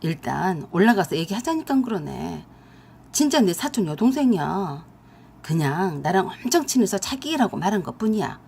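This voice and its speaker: An evasive young man as a female narrator plays him defends himself and pleads. The voice is pushed down from her own and keeps a husky grain. He is the boyfriend caught out in a storybook drama. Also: mid-range voice, big pitch swings, normal speed, a little mellow, pitched below the performer's own voice, full character voice. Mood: defensive.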